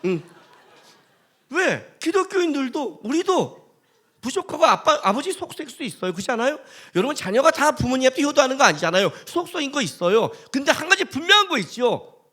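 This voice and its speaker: High-voiced lively male pastor preaching. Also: fairly quick. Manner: animated, joking, colloquial storytelling with acted quotes. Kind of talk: sermon.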